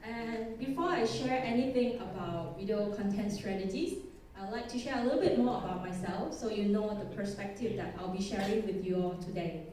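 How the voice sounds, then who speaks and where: A Thai woman in her thirties, speaking with a Thai accent, gives a chatty, self-deprecating conference talk and laughs often. Her medium-pitched voice is a little mellow. Recorded in an echoey conference hall on a distant mic, the audio has a little hiss or hum.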